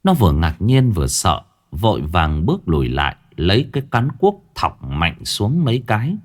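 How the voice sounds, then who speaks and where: A man's voice: low voice, huge pitch swings, moderate pace. A man narrating a ghost story in a dramatic storytelling manner.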